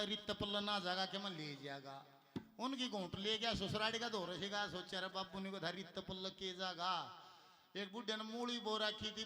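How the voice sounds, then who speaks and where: A man with a Haryanvi accent telling jokes on a live stage, lively storytelling that acts out voices. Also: high-pitched. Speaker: stage comedian. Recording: echoey live stage sound with music.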